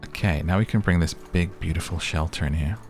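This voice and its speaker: A man with a hoarse, raspy, strained voice, giving relaxed, rambling game commentary meant for sleep and muttering to himself as he plays. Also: deep voice, fairly quick, faint music behind. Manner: chatty, muttering to himself while playing. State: voice going hoarse. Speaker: gaming video creator and podcaster.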